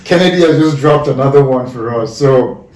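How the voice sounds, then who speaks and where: A man's voice: mid-range voice, normal speed, darkish tone. A man from Cameroon hosting a podcast, enthusiastic and affirming, often answering with "yeah". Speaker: podcast host. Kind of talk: casual podcast interview. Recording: roomy, distant mic.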